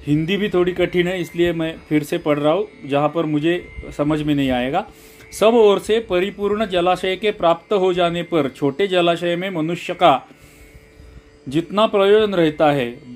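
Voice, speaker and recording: A man with a somewhat high voice recites scripture verses at a slow, careful pace. Between verses he explains the meaning in unhurried everyday talk, repeating phrases and correcting himself mid-word. Faint music plays underneath. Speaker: Gita reader and explainer.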